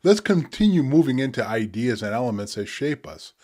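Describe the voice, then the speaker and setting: A man's voice: medium pitch, sing-song, fairly quick, darkish tone. A man in his sixties talking reflectively to an audience, conversational and explanatory, as a poet presenting his work.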